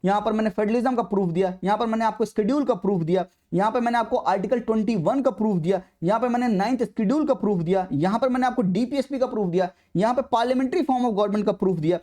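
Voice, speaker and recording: A man's voice: high-pitched, fast talker, hardly any pauses, dark tone. A young man giving an exam prep lecture in a mix of Hindi and English, stressing points by repeating them. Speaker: exam coaching teacher.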